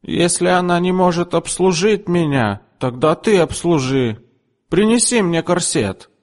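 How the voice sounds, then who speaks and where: Man putting on a shrill, bossy heavyset matron. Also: expressive, measured pace, long reverb tail. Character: bossy heavyset older woman customer, imperious. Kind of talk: audiobook character voice.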